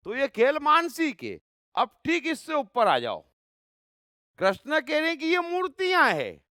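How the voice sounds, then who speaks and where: Slow, lively-pitched man giving a spiritual discourse. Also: no room sound, studio quality. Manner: emphatic, with rhetorical questions and repetition. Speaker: spiritual speaker.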